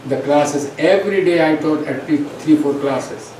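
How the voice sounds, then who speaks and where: An older Indian man with an Indian accent, a native Hindi speaker and yoga teacher, reminisces in a recorded conversation, his voice on the high side. He sounds hesitant, speaking in short, halting phrases and repeating words. The talk takes place in a bookstore event room, captured by a distant microphone with a roomy echo and steady background hiss.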